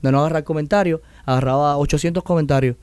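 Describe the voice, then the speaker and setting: A Cuban man talks fast and animatedly in a casual interview, his voice high and smooth. The sound is close and dry, with no room around it. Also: no room sound. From Cuba. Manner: animated storyteller, mimics accents. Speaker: guest musician.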